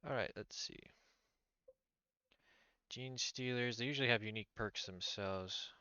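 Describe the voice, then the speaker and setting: Bright clear man streaming a game. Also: medium pitch, unhurried, no room sound, lo-fi sound. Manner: reads in-game text aloud, thinking out loud. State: hiccuping. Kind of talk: casual gameplay commentary.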